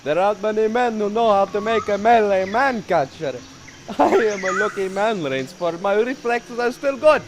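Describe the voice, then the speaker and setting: A man's voice: sits high, animated, moderate pace. A man acting in a radio play as an urbane, gloating aristocratic general who hunts men, theatrical and condescending in manner. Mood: gloating, amused. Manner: theatrical, condescendingly congratulatory, chuckling. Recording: noisy, with night insects behind.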